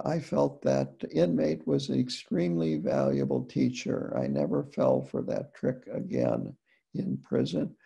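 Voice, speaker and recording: A man from the United States giving a dharma talk as a Buddhist teacher, unhurried and deliberate, with frequent pauses. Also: mid-range voice, gravelly, warm tone, husky.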